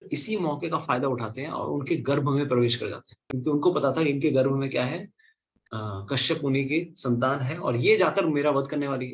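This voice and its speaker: A man giving an animated storytelling lecture at a scripture class, asking and answering his own questions. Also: fairly high pitch. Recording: slightly dull lo-fi recording.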